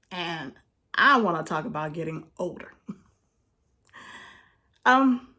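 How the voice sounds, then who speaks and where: With a mid-range, fairly bright voice, this woman in her 50s talks easily to her viewers. The vlogger's casual chat to camera is full of frequent laughter.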